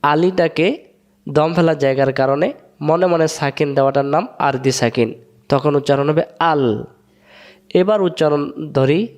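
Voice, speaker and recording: A man's voice: fairly high pitch, measured pace, long pauses, darkish tone. A man teaching a Quran recitation lesson with a Bangladeshi Bengali accent, repeating each rule patiently and asking then answering his own questions while he writes for the camera. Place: room, writing on a board in front of a camera.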